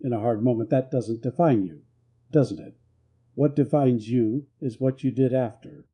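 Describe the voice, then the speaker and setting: A man's voice: mid-range voice, normal speed, slightly rough, muffled recording, natural voice. A man voicing an earnest young frontier woman who speaks steadily and reassuringly. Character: determined, gentle young frontier woman herbalist.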